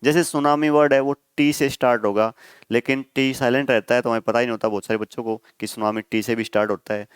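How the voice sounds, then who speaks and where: A man's voice: mid-range voice, fairly even intonation, fast talker, clear, resonant tone, dry recording. Male exam-prep tutor, clean and resonant, dry sound; answers his own questions, spells words out letter by letter. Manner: asks the class questions and answers them, with frequent "okay?" checks. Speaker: exam coaching teacher. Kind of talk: exam-prep vocabulary lesson.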